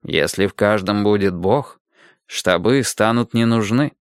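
A man voicing a kind, thoughtful old grandfather who speaks slowly and reflectively in an audiobook story. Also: lowish voice, clean tone, no room sound, clean studio sound, natural voice. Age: older. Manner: slow, gentle, reflective.

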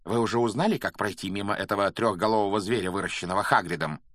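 A man's voice: on the low side, quick pace, a bit bright, no echo, studio quality. A man voicing a cold, threatening male schoolmaster who speaks in a clipped, ironic tone. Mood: icy menace.

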